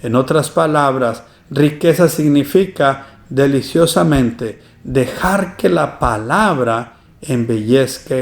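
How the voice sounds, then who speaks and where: A man teaching a church Bible study lesson, reading verses slowly and deliberately with emphasis. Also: mid-range voice. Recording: echoey room.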